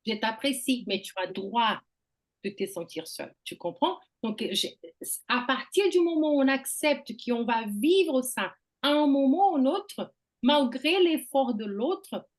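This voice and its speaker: A woman hosting a group talk, explaining ideas through personal examples and checking in with "okay?". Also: fairly high pitch. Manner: explains with examples, asks "d'accord?". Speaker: workshop host. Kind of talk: conversational teaching.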